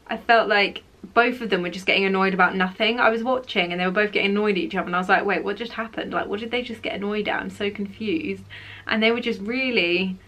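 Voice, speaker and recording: Bright, chatty young woman. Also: mid-range voice. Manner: chatty, opinionated, lots of fillers. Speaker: vlogger. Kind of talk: casual chat. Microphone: camera mic.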